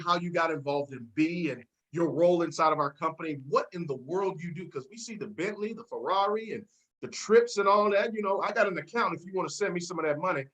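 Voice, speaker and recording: Bright, high-pitched, hyped male call host. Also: rough recording. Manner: animated, joking, rambling with restarts. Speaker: host of an online company call. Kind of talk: hyped sales-call talk.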